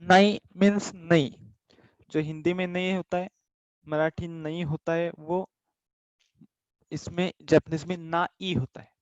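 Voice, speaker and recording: A man's voice: on the high side, steady tone, slow, pauses often, dry recording. A male language teacher in an online class who patiently repeats each word and explains it in two languages, over a video call. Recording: dull video-call audio.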